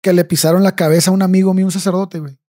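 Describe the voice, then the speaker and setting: A man's voice: high-pitched, level tone, very fast, dark tone. A young Mexican man telling a personal story in casual, slang-heavy chat, swearing freely and tagging his phrases with "güey".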